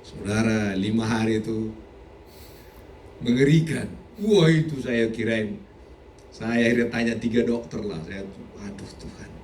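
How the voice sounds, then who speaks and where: A middle-aged man preaching a sermon as a pastor, animated, sometimes shouting and often laughing. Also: lowish voice, a little hiss or hum. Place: church hall. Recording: echoey church hall, mic from a distance.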